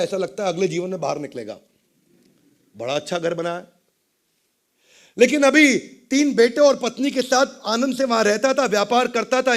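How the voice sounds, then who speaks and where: High-voiced dramatic motivational speaker man. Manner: dramatic, acts out the voices in his stories. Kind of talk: motivational storytelling talk.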